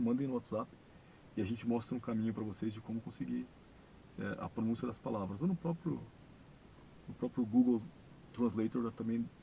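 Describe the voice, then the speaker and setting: A gravelly, dark-toned Brazilian man gives a community English lesson on video. He explains patiently in Portuguese, slowing down to say each English phrase clearly. A faint low rumble sits under his voice. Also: low-quality recording. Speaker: English teacher. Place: church classroom.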